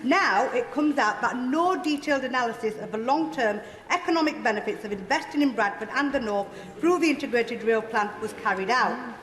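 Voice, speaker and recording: Female backbencher, fairly high voice, critical prepared parliament speech, reverberant chamber. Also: expressive, brisk, a bit bright. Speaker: member of parliament.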